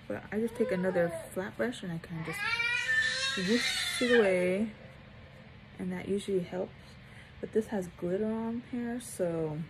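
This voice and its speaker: A woman doing a casual makeup tutorial vlog, chatting in a relaxed way while she applies makeup. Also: mid-range voice, gravelly, slight background noise. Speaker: makeup vlogger.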